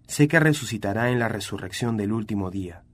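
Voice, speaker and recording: A man's voice: on the low side, expressive, brisk. A man reading the lines of Marta, a grieving grown woman of faith, in a plain and earnest way.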